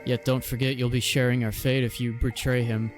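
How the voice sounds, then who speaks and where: A man voicing an ominous, quietly menacing stranger as he reads video game dialogue aloud. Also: mid-range voice, little pitch movement, a little fast, faint music behind, natural voice.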